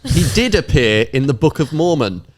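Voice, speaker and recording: A man's voice: fairly high pitch, big pitch swings, moderate pace. A man co-hosting a podcast, reading out quiz questions in a playful, theatrical way. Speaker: co-host and quizmaster.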